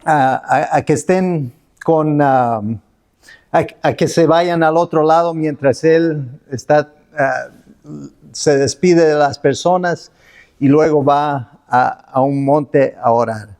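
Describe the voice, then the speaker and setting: A male pastor delivers an unhurried sermon in a fairly high voice. He preaches off the cuff, circling back and restarting phrases, dropping fillers between sentences. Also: darkish tone. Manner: unscripted preaching, many restarts, slips into English fillers.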